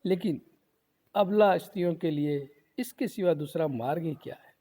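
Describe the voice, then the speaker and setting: A man's voice: on the high side, moderate pace, mellow. A male professor giving a lecture, reading lines of a poem and then explaining them in plain words, often repeating himself and asking rhetorical questions.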